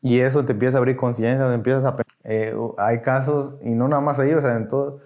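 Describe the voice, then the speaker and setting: A man's voice: medium pitch, steady tone, fast, a little mellow. This young man speaks with a Mexican accent and a mid-range voice. He is a podcast guest, and he tells his story in slang, with real emotion. He acts out the voices of the people he is quoting as he goes. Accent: Mexican Spanish. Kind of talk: casual conversation.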